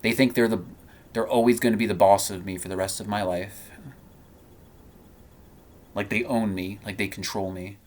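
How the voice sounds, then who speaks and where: A man in his thirties talking in a personal vlog monologue, halting and rambling with many fillers and restarts. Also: lowish voice, fairly even intonation. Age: 30s. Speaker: vlogger.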